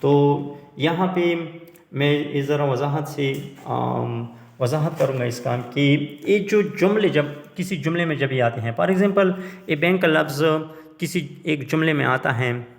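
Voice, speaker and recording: A man teaching English grammar in a slow, explanatory way, spelling words out letter by letter and pausing often. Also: on the high side, gravelly, echoey room, long reverb tail.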